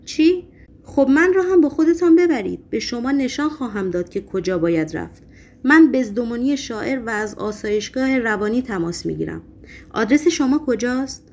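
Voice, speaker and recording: A woman voicing a frantic shouting young poet. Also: sits high, sing-song, voice pushed up.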